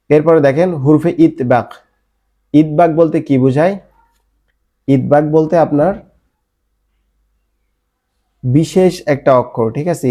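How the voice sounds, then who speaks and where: A man's voice: medium pitch, mellow. A man from Bangladesh teaching an online Quran recitation class in Bengali-accented speech, drilling letter sounds and answering his own questions.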